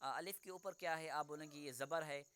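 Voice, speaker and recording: A man teaching Quran reading in an online lesson, patiently explaining and then slowly modelling each sound for the student to repeat. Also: on the high side, background noise.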